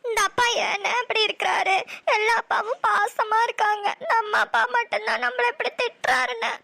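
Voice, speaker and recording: A woman's voice: extremely high pitch, fairly even intonation, moderate pace, pushed and bright, heavily acted. Woman voicing a timid little village girl. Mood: tearful. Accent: Kanyakumari Tamil. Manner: hesitant, stammering. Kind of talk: cartoon voice acting.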